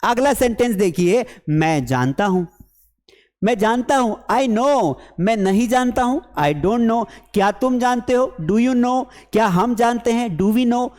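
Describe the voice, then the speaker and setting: A man with a fairly high voice teaches spoken English. He explains each phrase with everyday examples and repeats it for his learners. His voice carries a long hall reverb. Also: lively intonation, slow pace, a little mellow, soft background music. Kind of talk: bilingual spoken English lesson.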